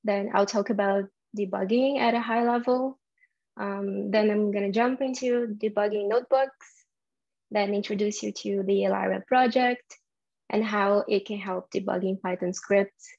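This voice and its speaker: A woman's voice: mid-range voice, fairly even intonation, normal speed, vocal fry, a little mellow, lo-fi sound. A young woman from Brazil with a Brazilian Portuguese accent, presenting a tech talk and explaining things with frequent ums and uhs. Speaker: software developer giving a conference talk.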